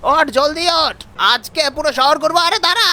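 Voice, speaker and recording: A man playing a boastful alien in a comic gameplay dub, excitable and bossy, yelling orders at his mount. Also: extremely high pitch, moderate pace. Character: boastful alien man riding a deer through the city. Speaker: gaming video creator. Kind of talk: comic gameplay role-play narration.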